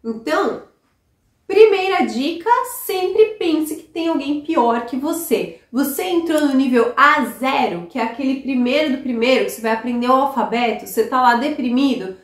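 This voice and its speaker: High-voiced Brazilian woman, chatty advice. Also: lively intonation, normal speed, reverberant. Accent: Brazilian Portuguese. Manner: chatty, frequent "né?" tag questions. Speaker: vlogger giving study-abroad advice. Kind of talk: casual advice talk to camera.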